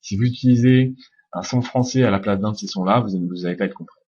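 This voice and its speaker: A man with a fairly low, husky voice gives a slide-based pronunciation lesson. He explains calmly, often pausing on "euh" and slowing down to model each sound. The recording is dull and lo-fi. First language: French. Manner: explains calmly, demonstrates English sounds slowly, frequent "euh" fillers. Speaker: English pronunciation teacher.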